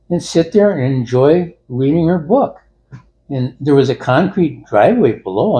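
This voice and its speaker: An older man in casual elderly couple banter, speaking haltingly and repeating words with emphatic swings. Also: medium pitch, warm tone, poor audio. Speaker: co-host in a couple's discussion. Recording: noticeable background room noise.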